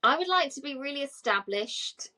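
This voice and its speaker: An Englishwoman in her forties co-hosts a casual chat podcast, her high, animated voice bright and forceful at a normal speed. She talks chattily, with plenty of fillers and frequent laughter.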